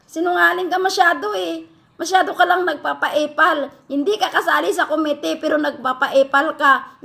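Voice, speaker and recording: A woman delivers a heated vlog rant straight to her critics. Her voice sits high and bright, with a sharp, forceful edge. She scolds them and fires off one rhetorical question after another. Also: vocal fry. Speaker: vlogger answering critics. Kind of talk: heated direct-to-camera rant.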